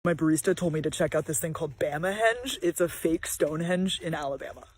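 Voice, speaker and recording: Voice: medium pitch, fast, husky. Amused joking vlogger. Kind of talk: travel vlog.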